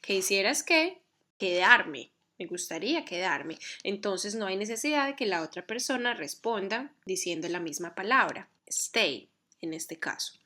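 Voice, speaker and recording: A woman teaching a grammar lesson, explaining carefully and reading example sentences slowly. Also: mid-range voice, lively intonation, sharp tone. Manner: measured, reads English examples slowly and carefully. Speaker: English teacher.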